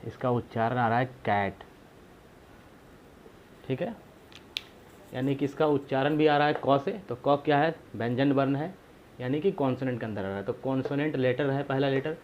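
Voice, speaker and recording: A man's voice: medium pitch, dull audio, slight background noise. A man teaching a grammar lesson, explaining patiently and repeating himself, asking rhetorical questions to his viewers.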